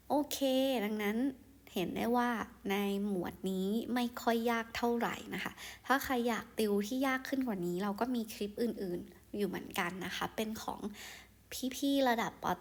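A woman's voice: mid-range voice, creaky. Patient young woman tutoring exam English. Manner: patient, explains step by step, reads English sentences then translates; soft, friendly tone with frequent polite particles. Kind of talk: exam-prep lesson, explaining answers.

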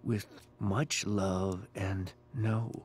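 An actor playing a creepy, cryptic middle-aged groundskeeper in a video game, speaking in a measured, slow, ominous drawl. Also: male voice, lowish voice, flat delivery, a little mellow. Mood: cryptic, calm. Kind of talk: video game character dialogue.

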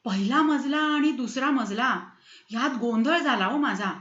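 A woman voicing a revered, meek elderly man who speaks softly and humbly in a storybook reading. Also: very high voice, unhurried, reverberant, dull audio. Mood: apologetic. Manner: soft, humble.

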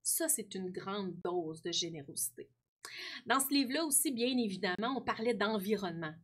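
A woman's voice: mid-range voice, animated, moderate pace, breathy edge. A woman teacher, reading aloud and talking children through a story, full of tag questions.

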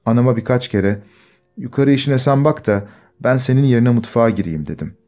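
A man reading the part of a young village woman who quietly tells of being wronged, in a soft, timid way. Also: mid-range voice, brisk, faint music behind, natural voice. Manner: quiet, timid, restrained storytelling.

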